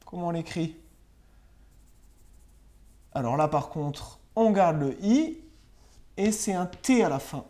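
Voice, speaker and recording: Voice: medium pitch, expressive, slow, long pauses, warm tone. A primary school teacher giving a recorded lesson to pupils at home, patiently spelling words out letter by letter and often checking that they follow.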